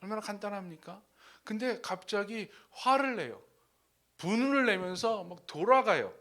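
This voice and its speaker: A man preaching a sermon as pastor. He drops to hushed whispers, then rises to loud, emphatic lines, and acts out the people he quotes. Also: high-pitched, animated, normal speed. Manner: acts out quoted speakers in his own voice. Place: church.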